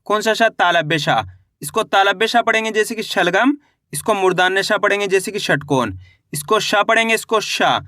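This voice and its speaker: High bright-voiced male teacher. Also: moderate pace, dry recording, clean studio sound. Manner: drills each letter, asks learners to repeat after him. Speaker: Hindi reading teacher. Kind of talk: step-by-step alphabet lesson.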